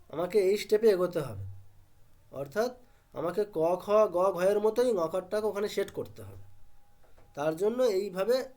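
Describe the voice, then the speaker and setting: A man teaching pronunciation step by step. He asks and answers his own questions and drills each sound slowly. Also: high voice, a little mellow.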